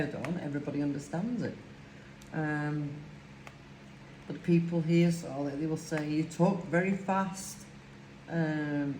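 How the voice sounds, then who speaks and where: An older woman from Lancashire, England, with a deep, warm voice and a broad Lancashire accent, chats casually while crafting at home for her vlog. She rambles with many fillers, and the indoor room sounds echoey with a faint hiss.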